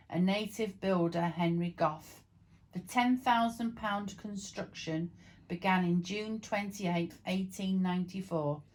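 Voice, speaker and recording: A woman with a lowish, darkish voice and noticeable vocal fry reads printed text aloud as a vlog co-presenter. Her delivery is informal and amateurish, like casual storytelling, and she occasionally trips over words. The recording sounds rough.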